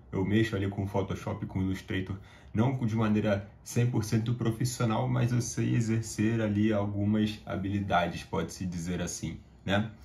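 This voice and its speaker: A young man in his twenties with a Brazilian accent gives casual advice straight to camera, pausing often and tacking little tag questions onto his sentences. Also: lowish voice, a little mellow. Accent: Brazilian Portuguese. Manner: hesitant, full of tag questions and restarts. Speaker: YouTuber giving career advice. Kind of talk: casual talking-head advice.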